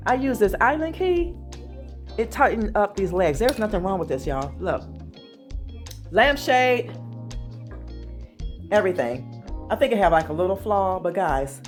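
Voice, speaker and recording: A woman vlogging from her home office, chatty and excited, calling her viewers "y'all". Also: mid-range voice. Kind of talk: casual chat.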